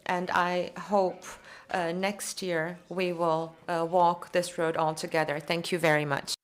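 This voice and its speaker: Low-voiced woman interpreting a speech. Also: little pitch movement, unhurried, a little hiss or hum. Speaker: conference interpreter. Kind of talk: simultaneous interpretation of speeches into English.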